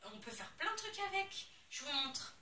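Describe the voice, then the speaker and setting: Une jeune femme à l'français qui déballe des produits de beauté avec enthousiasme, en parlant de façon spontanée et exclamative. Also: female voice, high voice, normal speed, a little hiss or hum. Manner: excitable, gushing, exclamations. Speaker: beauty vlogger. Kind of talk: casual unboxing chat. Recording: echoey room, somewhat far from the mic.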